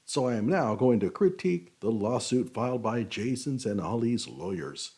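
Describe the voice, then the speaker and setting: On his own show, a man who works as a technical writing consultant critiques a legal document in casual commentary, explaining and offering opinions with plenty of fillers. His mid-range voice is expressive and a little mellow, moving at a moderate pace.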